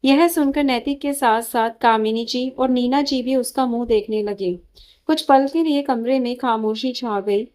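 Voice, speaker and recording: A woman reading a scripted emotional story as narrator, steady and measured. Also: a little high.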